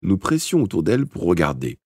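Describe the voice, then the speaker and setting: Very deep, expressive man reading a storybook. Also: brisk, breathy edge, no room sound, studio quality. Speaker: audiobook reader. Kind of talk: storybook narration from a live stream.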